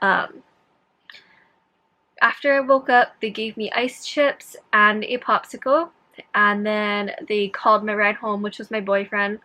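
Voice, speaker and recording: Bright-voiced young woman, sore after tonsil surgery. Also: medium pitch. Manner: scattered, self-interrupting. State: sore throat after tonsil surgery, some trouble pronouncing words. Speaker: vlogger. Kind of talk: casual personal vlog, chatty recounting.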